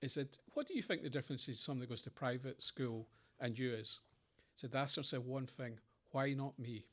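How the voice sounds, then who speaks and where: Fast-talking Scottish man telling stories. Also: medium pitch, a bit bright. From Scotland. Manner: rambling anecdotes with quoted voices. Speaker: panel speaker. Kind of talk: conversational Q&A storytelling.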